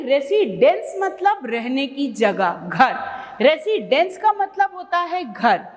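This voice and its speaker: A woman from India with an Indian English accent, teaching an English vocabulary lesson, stressing each word with slow care and breaking into quick asides. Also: high voice, long reverb tail. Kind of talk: bilingual classroom lesson.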